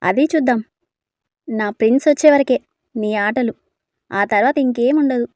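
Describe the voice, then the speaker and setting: A woman reading a bold, teasing young woman who fires back quick playful retorts in a storybook tale. The voice sits a little high and sounds close and dry. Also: a little mellow, no echo, lightly acted.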